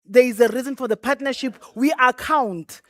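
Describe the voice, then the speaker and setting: A woman's voice: high-pitched, moderate pace, fairly bright tone, no room sound, clean studio sound. A woman giving a closing speech at a launch event as a bank programme representative, earnest and chatty with repeated thanks and pleas. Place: event venue stage.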